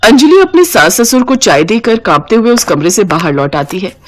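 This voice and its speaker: Female storyteller, even scripted narration, mid-pitched voice. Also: moderate pace.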